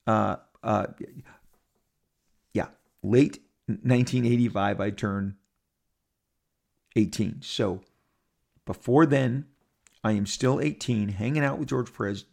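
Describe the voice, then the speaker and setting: Fairly low-pitched and gravelly, this fifty-something podcast host speaks slowly with long pauses. His casual storytelling monologue is animated and rambling, full of repeats, restarts, and in-character quotes of other people.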